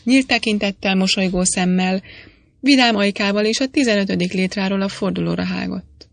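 Steady woman audiobook narrator. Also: medium pitch, gravelly, no echo. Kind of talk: scripted narration.

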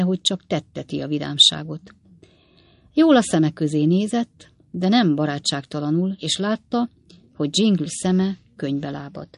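Low-voiced woman reading a novel. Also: creaky, a little mellow, dry recording. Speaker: audiobook narrator. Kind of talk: novel read aloud.

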